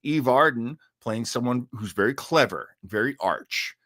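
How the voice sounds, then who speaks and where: With a mid-range, slightly bright voice, a middle-aged man speaks expressively at a measured pace over a dry, clean studio recording. As live-stream host of an old-time radio show, he reads viewer comments and chats casually, rambling with enthusiasm and frequent hesitations.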